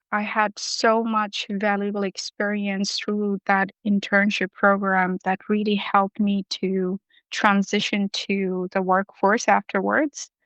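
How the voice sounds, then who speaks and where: A woman's voice: mid-range voice, a bit bright, smooth, no echo, highs cut off. A young woman from Bangladesh, a guest in an interview, speaking thoughtfully with frequent ums and uhs. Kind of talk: casual interview.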